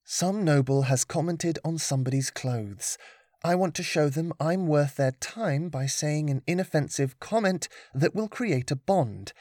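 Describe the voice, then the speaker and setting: A man reading aloud voices a nervous young peasant girl, lifting his voice higher and speaking softly. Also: a little slow, no echo, studio quality, close to an everyday voice. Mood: thoughtful.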